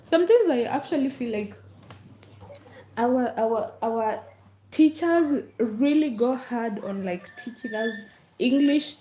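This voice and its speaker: A woman's voice: on the high side, takes it slowly, mellow, slight background noise. A woman chatting casually on a livestream, answering comments in a playful, teasing way and laughing often. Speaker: livestream host. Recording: dull lo-fi livestream audio.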